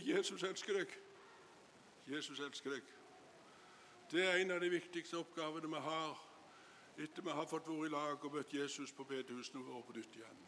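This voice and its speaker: A man's voice: a little high, fairly bright tone. A man preaching a sermon, retelling another man's story with frequent asides about what he said. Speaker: lay preacher. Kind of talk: sermon testimony. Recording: hall reverb, faint room noise.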